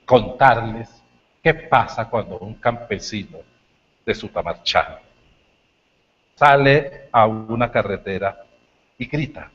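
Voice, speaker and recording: A man giving a university lecture, telling stories with animated, shouted bits. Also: fairly low pitch, slow, long pauses, dull audio. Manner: animated storytelling, shouts acted lines. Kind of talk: lecture talk.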